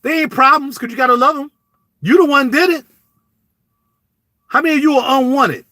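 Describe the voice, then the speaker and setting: A man, riffing in animated, preachy street talk as a YouTube vlogger, recorded close to the mic. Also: very high voice, moderate pace, no room sound. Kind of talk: casual spoken commentary.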